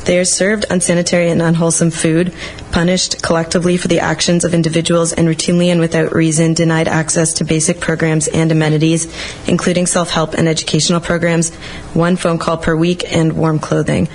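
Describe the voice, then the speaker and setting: Female community radio reporter, low and flat, measured read with slight background hiss. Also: rough recording. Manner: steady, measured reading with an occasional filler. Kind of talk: reading a prepared news report.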